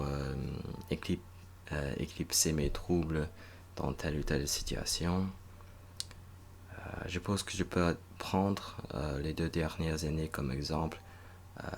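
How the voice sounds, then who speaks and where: A young man from northern Virginia, a native English speaker, talking slowly and hesitantly in a reflective monologue, with many pauses and restarts. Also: rumbling low, a little hiss or hum. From United States (northern Virginia). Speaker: recent master's graduate vlogger.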